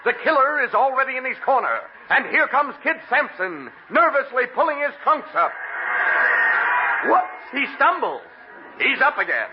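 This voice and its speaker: A brisk, excitable American fight announcer calls the ring in a very high male voice. The 1940s radio recording is muffled, with clear hiss. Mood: brisk, formal. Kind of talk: 1940s radio sports commentary parody.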